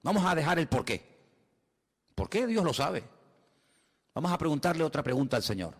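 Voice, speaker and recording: Pastor preaching, kinda high voice, big hall reverb, gets dramatic. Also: male voice, sing-song, normal speed, breathy edge. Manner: dramatic preaching with acted-out quotes. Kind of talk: sermon.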